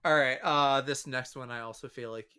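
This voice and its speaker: A young man as a guest in a casual gaming chat, thinking aloud with fillers and making squeaky sound effects. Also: steady tone, moderate pace, pushed and bright, smooth.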